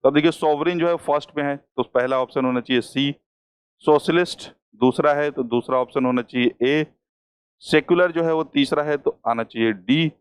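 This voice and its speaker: A man's voice: fairly high pitch, normal speed, smooth. A man teaching an exam-prep class, working through questions step by step and repeating the key terms. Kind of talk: lecture solving exam questions.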